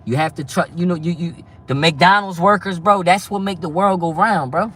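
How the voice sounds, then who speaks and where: A man in his thirties from New Jersey, hosting a casual live stream in quick, loose street talk and checking in with "you know what I mean" again and again. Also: high voice, a bit bright, far from the mic, a little hiss or hum. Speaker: livestream host.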